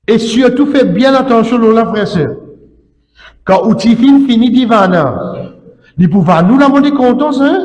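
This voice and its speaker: A man's voice: sits high, a little mellow. A man giving an Islamic sermon as imam, emphatic and repetitive, with frequent tag words. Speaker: imam preacher. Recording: echoey hall with long reverb.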